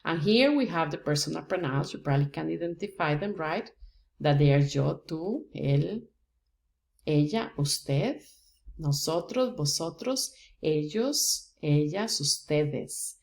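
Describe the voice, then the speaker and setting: A low-pitched woman, speaking slowly and deliberately. She teaches patiently, building up each point with simple examples. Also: lively intonation, vocal fry, darkish tone. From Costa Rica. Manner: patient, explains step by step with examples. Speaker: Spanish teacher. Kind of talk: slow, deliberate language lesson.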